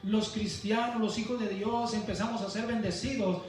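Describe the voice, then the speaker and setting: A man's voice: high voice, fairly even intonation, moderate pace, faint music behind. A man preaching a Sunday school sermon, emphatic and calling the congregation for amens. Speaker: pastor. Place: church hall. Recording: echoey church hall, mic far off.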